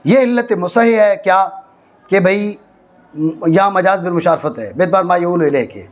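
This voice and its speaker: In a madrasa classroom, a Pakistani man who teaches Arabic grammar lectures in a fairly high, expressive voice. He often checks whether students are following and slowly repeats key phrases for emphasis.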